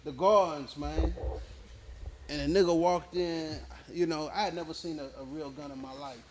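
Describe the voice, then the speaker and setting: Man, rapper guest, relaxed slang-filled storytelling, voice a bit higher than most men. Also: moderate pace, a little hiss or hum. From born in Nigeria, raised in Houston, Texas. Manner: laid-back, slang-heavy, keeps checking in with the listener. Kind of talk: casual interview storytelling.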